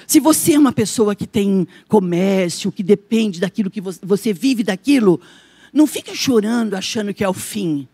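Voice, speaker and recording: A woman's voice: mid-range voice, expressive, normal speed, mellow, breathy edge. A woman pastor with a Brazilian Portuguese accent, preaching a church sermon, telling funny stories and laughing often. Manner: humorous storytelling, laughing often. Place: church service.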